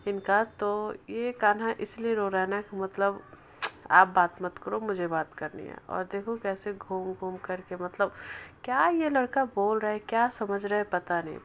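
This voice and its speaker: A woman in her thirties with a Bihari Hindi accent talks through a family vlog voice-over. She keeps her voice low and unhurried, with very little rise and fall. A faint hiss sits under the recording. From Bihar, India. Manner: speaks quietly and slowly because her child sleeps beside her. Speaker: family vlogger. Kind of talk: soft voice-over narration of a daily vlog. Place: indoors at home, child asleep nearby.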